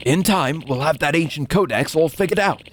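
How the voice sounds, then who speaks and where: A man's voice: on the high side, brisk, a little hiss or hum, voice pushed up, close to an everyday voice. A man voicing an earnest, grateful old scholar in a formal manner, reading out video game dialogue. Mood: pleased, earnest.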